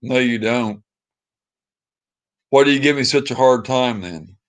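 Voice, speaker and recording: Reading viewer comments on a casual livestream, the male host speaks in a sentimental, pleading manner and repeats himself. His voice is medium-pitched, his pace measured.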